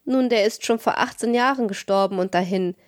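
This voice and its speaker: A woman's voice: medium pitch, fairly quick, no echo, natural voice. Woman narrator as old villager, matter-of-fact, dry recording. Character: old villager with a thin, whistling voice.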